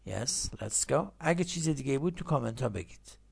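A man teaching an English lesson, reading English phrases slowly and clearly for repetition, then explaining quickly. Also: medium pitch, animated. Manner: switches between slow drilled English and fast explanation.

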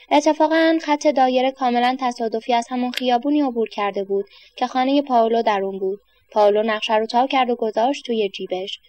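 A woman's voice: a little high, dry recording. Woman reading a children's story aloud. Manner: measured, steady narration.

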